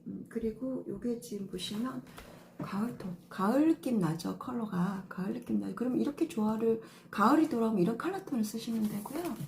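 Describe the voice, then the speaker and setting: A woman's voice: on the high side, darkish tone, slight background noise. A middle-aged woman stylist giving a casual lesson on color coordination, patient and step by step with many fillers. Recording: echoey room with faint ambience.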